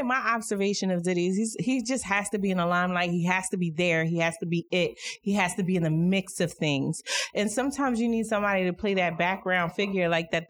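A woman's voice: medium pitch, no room sound, studio quality. A woman in her thirties co-hosting a podcast, chatting casually and candidly, rambling and laughing often. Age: 30s. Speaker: podcast co-host. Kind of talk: casual chat.

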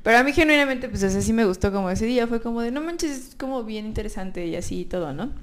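A young woman with a Mexican accent, co-hosting a podcast and telling a story in a casual, animated way, acting out what people said. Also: on the high side, fast. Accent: Mexican Spanish. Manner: animated, acts out quoted dialogue, laughs often. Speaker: podcast co-host.

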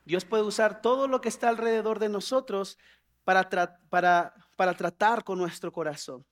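A man preaching a sermon as a pastor, animated, with humorous asides and pleading prayers acted out in a higher voice. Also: moderate pace.

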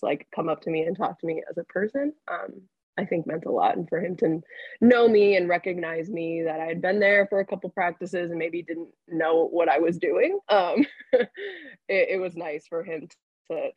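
Young woman reporter, chatty and halting, slightly low, muffled dry recording. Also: no echo. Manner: chatty, many fillers and restarts, laughs easily. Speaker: sports reporter guest. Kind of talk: casual podcast chat. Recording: dull, dry lo-fi sound.

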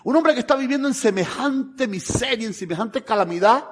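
A fervent male preacher whose voice sits very high for a man. He swings between hushed asides and loud appeals to his listeners. A long reverb hangs on his words, as in a large hall. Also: lively intonation, fairly quick, slightly rough. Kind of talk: sermon.

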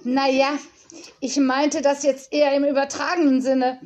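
A woman's voice: high voice, flat delivery, normal speed, a little mellow, pitched above the performer's own voice, lightly acted. A stern, reproving school official, as a woman reads her.

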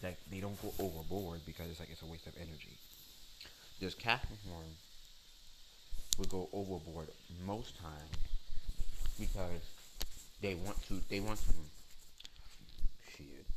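Deep-voiced man ranting bluntly. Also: noisy background. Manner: blunt, profane, slangy and emphatic. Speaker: podcast host. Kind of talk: casual solo rant.

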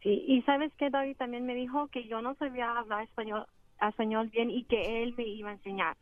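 A woman's voice: on the high side, fairly even intonation, fairly quick, no echo. Middle-aged woman calling a radio show by phone. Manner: radio show caller, hesitant and pleading. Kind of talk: personal call-in conversation. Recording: narrow tinny phone line.

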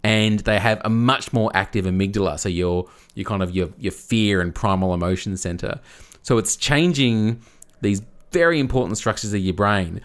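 A man's voice: lowish voice, moderate pace, clear, resonant tone. A man co-hosting a casual podcast, explaining a topic at length, often restarting and repeating words as he goes. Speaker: podcast co-host.

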